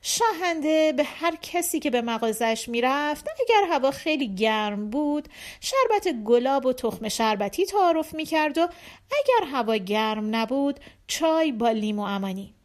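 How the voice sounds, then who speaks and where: A woman narrating an audiobook in a lively, expressive way. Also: sits high.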